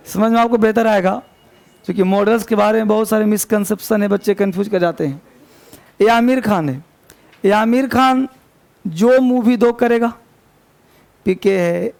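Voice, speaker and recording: In a classroom grammar lesson, a male English teacher speaks with a high-pitched, rough, gravelly voice that is also a little mellow. He keeps repeating the main points, corrects how students pronounce things, and brings them to order in a fondly chiding manner.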